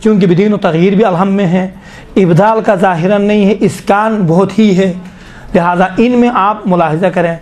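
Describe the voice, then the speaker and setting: A man teaching a tajweed lesson to a class, explaining slowly, drawing out sounds and asking his students questions. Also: high voice, a little mellow. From Pakistan. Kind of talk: classroom Quran recitation lesson.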